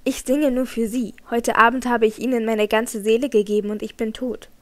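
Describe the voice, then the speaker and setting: A woman's voice: on the high side, little pitch movement, moderate pace, natural voice. A woman voicing a jealous, agitated young male nobleman in an audiobook, heated and accusing. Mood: angry accusing. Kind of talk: audiobook character reading.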